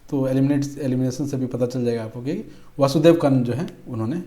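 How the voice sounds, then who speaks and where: Man, young adult, mellow voice, patient quiz tutor. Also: medium pitch, brisk. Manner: patient, repeats "ठीक है", reads options aloud. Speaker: exam-prep teacher. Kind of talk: explaining quiz questions.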